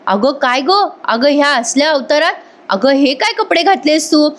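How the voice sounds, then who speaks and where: Startled older man, read by a woman, slow, pitch rising. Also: expressive.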